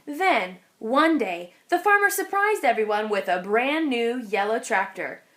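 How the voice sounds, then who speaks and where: Unhurried and slightly high-voiced, a woman gives a children's picture book an expressive storytelling reading.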